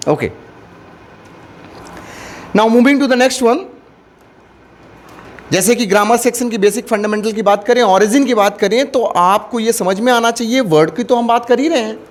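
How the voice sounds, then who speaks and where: An Indian man gives a measured English grammar lecture, pitched high for a man. He takes his time, mixing Hindi and English and echoing each point back to his students. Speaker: English teacher. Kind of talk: classroom lecture.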